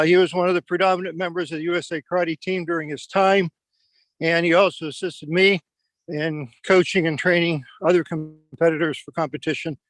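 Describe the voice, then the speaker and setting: High-voiced man speaking through a group call. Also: fairly bright tone, no room sound, poor audio. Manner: sincere, measured, slightly halting. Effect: remote voice heard through a group call. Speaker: senior martial arts master giving a tribute. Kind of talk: remote speech in a group video call. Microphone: own computer mic on a call.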